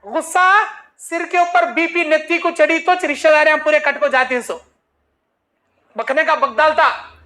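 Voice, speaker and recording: A man's voice: very high-pitched, steady tone, measured pace, pushed and bright. A male preacher giving an emphatic, repetitive sermon and acting out the people he talks about.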